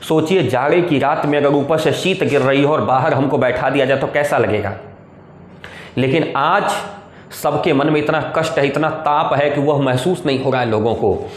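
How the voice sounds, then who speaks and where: A man's voice: mid-range voice, normal speed. A male teacher explaining a poem in a lesson, asking rhetorical questions as he goes. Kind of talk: literature lesson. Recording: echoey room.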